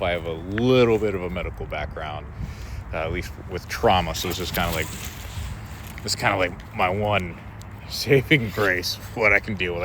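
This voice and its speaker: A man with a fairly low voice talks casually to his viewers in a loose, rambling vlog style. He is recorded outdoors, with clear background noise of the open air around him. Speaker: pet vlogger.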